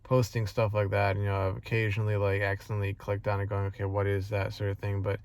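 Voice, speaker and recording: Brief: low monotone man, rambling earnest vlog talk full of fillers. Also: quick pace, gravelly, dry recording. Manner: rambling, many fillers and restarts; frustrated, earnest. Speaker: vlogger. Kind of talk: casual personal vlog monologue.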